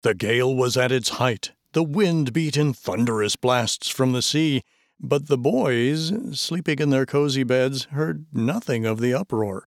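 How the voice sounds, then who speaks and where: A male narrator reading classic fiction aloud in a measured, steady storytelling manner. His voice sits in a middle register. The recording is dry and close, with no room sound. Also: medium pitch, dry recording. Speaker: audiobook narrator. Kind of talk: scripted audiobook narration.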